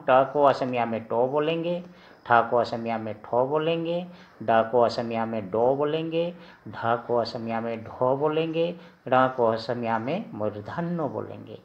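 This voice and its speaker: A man teaching the alphabet, speaking slowly and deliberately, repeating each sound and asking it back as a drill. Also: mid-range voice, dull audio. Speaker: language teacher. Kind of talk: slow spoken alphabet lesson.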